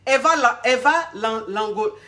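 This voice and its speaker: Bright-voiced woman coaching, rambling and chatty. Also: a little high, a little hiss or hum. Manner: rambling, halting, searching aloud for words; addresses the audience directly and familiarly. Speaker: relationship coach. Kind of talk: casual live coaching talk to viewers.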